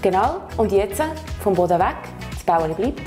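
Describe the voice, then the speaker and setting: A Swiss-accented fitness instructor speaks expressively at medium pitch and a moderate pace, her tone darkish, with faint music behind her. She guides a learner through stretches and back exercises one step at a time, patient and encouraging, and often asks "oder?" at the end of phrases.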